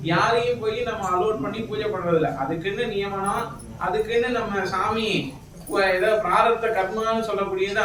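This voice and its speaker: A temple priest talks earnestly to gathered devotees, sometimes chiding and often humble. His voice sits fairly high and bounces around a big echoing hall. He is picked up from a distance, with faint noise underneath. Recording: echoey, from far off, faint noise.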